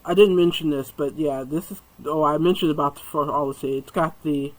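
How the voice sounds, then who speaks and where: A man's voice: a little high, steady tone, fairly quick, rough recording. A man chatting casually while he crochets and reviews hooks on camera, rambling and muttering asides to himself.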